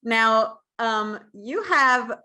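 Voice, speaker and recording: A woman in her thirties co-hosting a live podcast, bubbly and quick to laugh. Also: fairly high pitch, lively intonation, bright, forceful tone. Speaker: podcast co-host.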